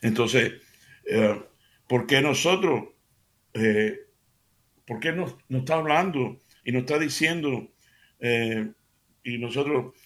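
A man giving a conversational radio sermon, speaking straight to his listeners and often pausing with fillers and restarts. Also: mid-range voice, fairly bright tone. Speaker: radio preacher.

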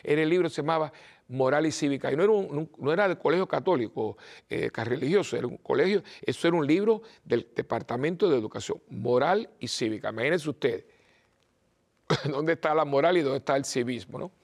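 An older man from Cuba, a priest giving an earnest preaching talk, scolding gently and asking many rhetorical questions between hesitant fillers. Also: a little high, animated, brisk.

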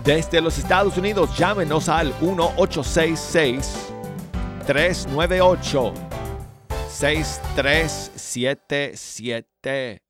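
A man's voice: fairly high pitch, very slow. A middle-aged man hosting a casual music show on radio, chatty and self-deprecating, working to articulate and slightly slurred from dental braces. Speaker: radio host. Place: radio studio.

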